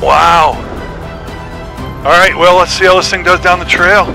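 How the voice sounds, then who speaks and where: A man's voice: sits high, fairly even intonation, a little slow, creaky, rough recording. A middle-aged man chatting casually and enthusiastically while test-driving a vehicle he built, speaking through a headset. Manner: enthusiastic, exclaiming. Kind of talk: casual chat. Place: inside a tracked vehicle cab, outdoors in snow. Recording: music playing under the voice.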